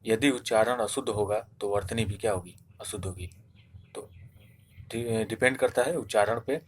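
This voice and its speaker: A man with a lowish voice, speaking at normal speed, teaches spelling in an online exam-prep session as a Hindi teacher. He proceeds step by step, supplies answers to his own questions, and repeats "theek hai" often.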